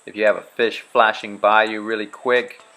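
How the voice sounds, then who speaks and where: A young Bahamian man, a charter fishing captain, giving relaxed step-by-step spearfishing instructions in a vlog. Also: on the low side, moderate pace, faint music behind. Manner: relaxed, practical, step-by-step explaining.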